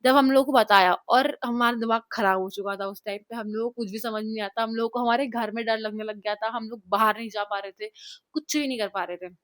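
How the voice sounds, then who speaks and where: Animated young woman with a dry, close sound. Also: on the high side, a little fast, no echo. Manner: animated, mixes English words into Hindi. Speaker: vlogger. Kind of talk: casual storytelling to camera. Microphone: clip-on mic, later camera mic after battery died.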